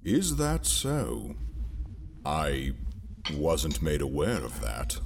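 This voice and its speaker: A man playing a brooding, haughty imperial governor in a sci-fi audio drama, speaking in a formal, measured, theatrical way. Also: extremely low pitch, huge pitch swings, gravelly, noisy background, full character voice. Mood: guarded.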